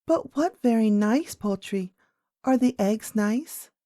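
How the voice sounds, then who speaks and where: Storybook little girl princess, played by a woman: high, swooping pitch, eager, questioning, outspoken. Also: lively intonation, takes it slowly, dark tone, no echo, studio quality. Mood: delighted, eager. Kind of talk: storybook character voice.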